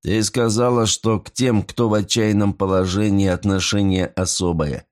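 A man voicing a gruff older bearded regular who brags and grumbles over his whisky. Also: fairly low pitch, steady tone, moderate pace, a little mellow, natural voice. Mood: grumbling. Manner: grumbling, boastful.

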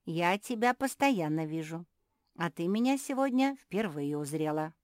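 A woman's voice: on the low side, lively intonation, normal speed, a little mellow, no echo, clean studio sound, close to an everyday voice. Woman doing the cheerful little gnome. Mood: friendly. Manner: cheerful, eager to help. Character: tiny kind male gnome helper.

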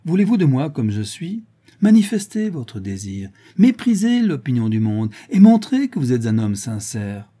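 A man's voice: mid-range voice, big pitch swings, normal speed, warm tone, slightly rough. A man reading an audiobook voices a proud, scornful woman who teases her suitor. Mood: mocking. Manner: scornful and teasing. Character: mocking, proud, worldly signora, woman.

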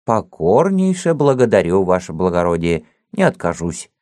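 A man's voice: low voice, very animated, normal speed, darkish tone, no room sound, studio quality. A man voicing an older, toothless male church watchman who mumbles and rambles deferentially in folksy speech. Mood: chatty. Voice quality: mumbling, lisping.

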